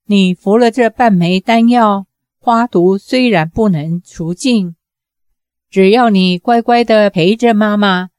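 A woman's voice: mid-range voice, a little mellow, no echo, clean studio sound, natural voice. A woman voicing a fierce, embittered older mother who talks sternly and commands.

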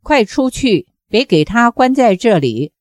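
Calm protective young warrior giving orders low, woman reading slow. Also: no echo, clean studio sound. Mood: tense.

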